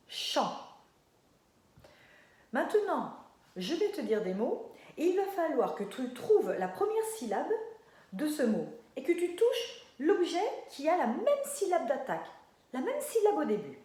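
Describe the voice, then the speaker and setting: A woman teacher leading a lesson for young children, stretching words slowly and praising often. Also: high-pitched, mellow, echoey room. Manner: slow, drawn-out syllables, encouraging.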